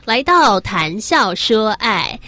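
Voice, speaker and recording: A woman hosting a radio interview in a studio, chatty and lively, softening her questions with trailing particles. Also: a little high, slow, over loud music. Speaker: radio host.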